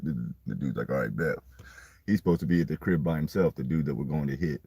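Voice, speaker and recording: A young man casually telling a long story in a rambling, profane, animated way. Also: rumbling low, fast talker, creaky, slightly rough, dry recording. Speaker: podcast storyteller.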